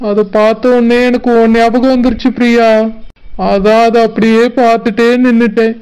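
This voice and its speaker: A two-faced young man in a cartoon, voiced by an actor, with a smooth, clear, mid-pitched voice. he sweet-talks his girlfriend over the phone and mutters sneering asides about her. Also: flat delivery, normal speed, darkish tone, lightly acted, poor audio. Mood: sweet-talking. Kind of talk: cartoon voice acting.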